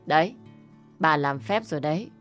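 A woman's voice: sits low, expressive, moderate pace, a bit bright, faint music behind. A woman doing a bossy old mother-in-law. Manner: scolding, insistent.

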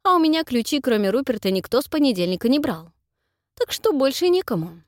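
A brusque woman of forty speaks in short, stern sentences, read by a woman narrator. The pitch rises and falls a lot, and the recording is dry and close. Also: sing-song, fairly quick, no room sound. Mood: curt. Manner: blunt and curt. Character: blunt, brusque woman in her forties.

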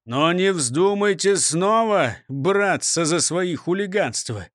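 A man's voice: sits high, expressive, takes it slowly, a bit bright, dry recording, studio quality, heavily acted. A man voicing a pompous, boastful police chief who talks down to everyone. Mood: grudging. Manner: pompous, mocking.

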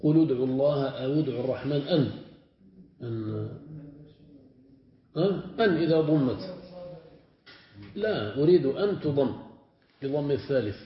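A man's voice: mid-range voice, animated, normal speed, long pauses. Male sheikh teaching in a roomy hall. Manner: repeats word forms and checks in with students. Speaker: sheikh teaching Arabic grammar. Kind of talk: classroom grammar lesson. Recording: roomy, dull lo-fi classroom recording.

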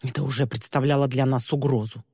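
A woman voicing a cruel woman villain who mocks and scorns in a low, dark voice. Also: steady tone, fast talker, husky, no echo, clean studio sound, in a large hall, exaggerated voice. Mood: scornful. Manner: sneering, contemptuous, mocking.

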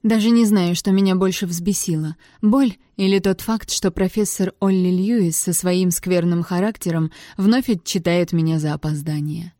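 Low, mellow woman narrating a novel. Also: moderate pace, few pauses, no echo, clean studio sound. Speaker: audiobook narrator. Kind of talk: first-person novel narration.

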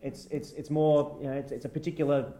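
Man, stage actor, casual interview talk, halting restarts, mellow tone, echoey room. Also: a little high, fairly even intonation.

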